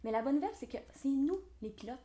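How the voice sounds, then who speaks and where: A crowd can be heard behind this high-pitched, lively woman. She's a real estate developer in her twenties with a Québécois French accent, speaking fast, enthusiastically, and motivationally as a podcast interview guest.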